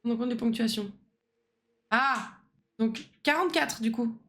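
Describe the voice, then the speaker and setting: Higher-voiced woman streamer thinking aloud. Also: a little slow, a bit bright. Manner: thinking aloud, bickering with a co-player. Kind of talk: casual puzzle game chat.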